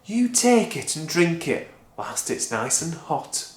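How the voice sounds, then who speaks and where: A reader voicing an eager, impatient father who talks loudly and pushes others along, in an echoey room. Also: medium pitch, very animated, measured pace, creaky, pitched above the performer's own voice, heavily acted. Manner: loud, pushy.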